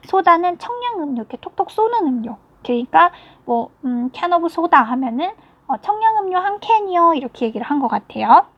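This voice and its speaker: A woman teacher giving a recorded grammar lecture, patiently explaining step by step and reading example sentences out slowly. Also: high voice, lively intonation, lo-fi sound. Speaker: English teacher.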